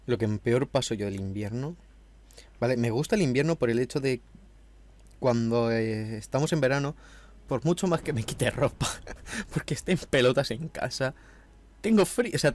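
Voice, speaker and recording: Commentating a video game at home, this man is a little sick with a cold, his throat a bit hoarse, and he chats casually with some swearing. He speaks at a normal pace in a medium-pitched voice with lively intonation.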